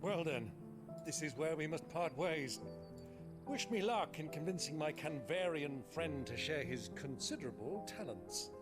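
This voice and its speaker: An actor playing a genial, flamboyant older uncle in a video game, speaking with florid, grand courtesy. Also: male voice, on the high side, expressive, measured pace. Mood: fond, jovial. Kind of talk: video game cutscene acting. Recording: game music behind the voice.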